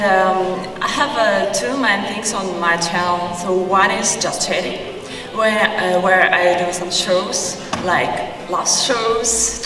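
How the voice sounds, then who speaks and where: A woman from Russia, a streamer, speaking on a convention panel in a measured way. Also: mid-range voice. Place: large convention hall stage. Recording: echoey hall from far off.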